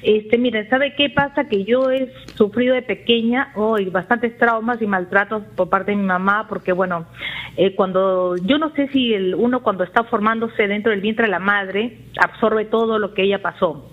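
Caller: woman in her 40s, husky, rambling and confessional, on dull lo-fi audio. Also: mid-range voice, normal speed. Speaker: radio caller. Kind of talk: call-in confession to a therapist.

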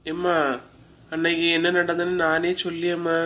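Low-voiced village woman with a Kanyakumari accent, as a woman voices her. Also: completely flat delivery, normal speed, fairly bright tone, natural voice. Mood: pleading. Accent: Kanyakumari Tamil. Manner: firm, scolding, consoling. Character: village woman, firm but caring relative. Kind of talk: cartoon voice acting.

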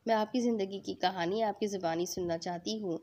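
A woman voicing a busy, practical young wife who speaks briskly and lightly scolds. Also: medium pitch, steady tone, mellow, close to an everyday voice. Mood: gentle.

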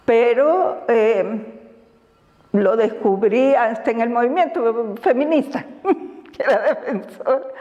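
Older woman, Honduran Spanish accent, unhurried and reflective, fairly high voice, dull reverberant room sound. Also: a little mellow. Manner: slow, deliberate, reflective with frequent fillers and laughs. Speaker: women's rights defender. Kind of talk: interview answers. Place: indoors in front of a banner. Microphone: lapel mic.

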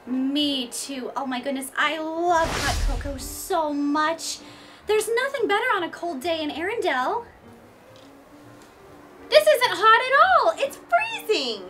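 A woman's voice: high voice, unhurried, a bit bright, faint music behind. A woman playing a bubbly, clumsy young princess stuck in her sister's body, hesitant and slipping up in a live-action play-acting skit. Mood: eager.

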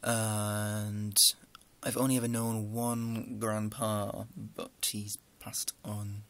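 A young adult vlogger with a northern English accent and a lowish voice chats casually through a list of questions. He's close to his webcam in a small room, rambling and dropping dry asides.

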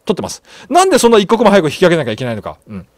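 A man hosting an online commentary channel, reading news items aloud and reacting to them in an excitable way, repeating phrases and thinking aloud with fillers. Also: high voice, very fast, no echo, studio quality.

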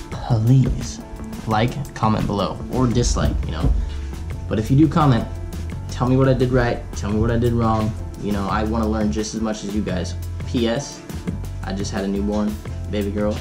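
Over music, a twentysomething fishing vlogger walks through knots at a table in a small indoor bedroom, speaking in a relaxed, chatty way peppered with "you know" and "like." His fairly low voice is steady and normally paced, recorded by a camera just in front of him.

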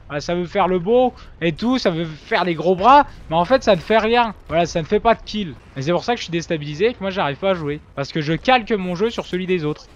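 A man commenting on his own gameplay with mock-boastful, ironic self-praise. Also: high voice. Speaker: gaming video host.

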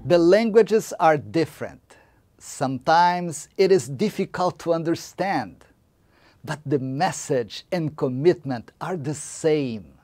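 A man giving a slow, measured scripted narration. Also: a little high, expressive, a little mellow.

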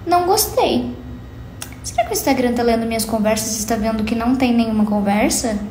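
Woman, young adult, casual home vlog, playful rambling, fairly high pitch, roomy echo, faint ambience. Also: brisk, a little mellow, a little hiss or hum. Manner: chatty, playful, rambling asides. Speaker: vlogger. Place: room at home.

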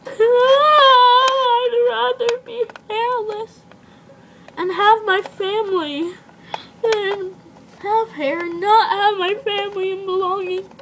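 A woman's voice: very high voice, steady tone, a little slow, pitched above the performer's own voice. A woman voicing a dramatic, weepy female toy pet actress, wailing melodramatically. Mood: sulky. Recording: noisy home video.

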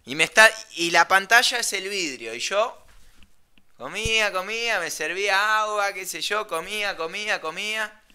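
A young man with an Argentine Rioplatense accent, casually telling a slangy, animated anecdote. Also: high-pitched, moderate pace, clean tone. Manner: animated, slangy, laughs mid-story. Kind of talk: casual storytelling.

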